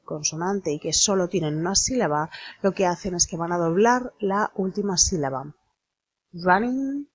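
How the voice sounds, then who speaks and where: A woman explaining an English grammar lesson in a slow, deliberate manner, spelling out letters. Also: fairly low pitch, slightly rough, no room sound, dull audio. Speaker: English teacher.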